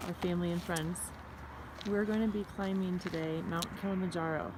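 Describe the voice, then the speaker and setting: A woman's voice: lowish voice, fairly even intonation, brisk, background noise. A middle-aged woman vlogging casually on an outdoor mountain trail, joking and a bit out of breath, talking into a handheld camera. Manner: chatty, joking, laughs often. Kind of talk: casual hiking vlog.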